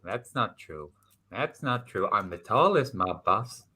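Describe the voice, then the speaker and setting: A man playing a tall New York mob boss with a pet snake in an improvised comedy scene, speaking smoothly and teasingly. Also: fairly high pitch, slow, bright, forceful tone, a little hiss or hum. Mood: silkily menacing. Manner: smooth, mock-friendly and teasing.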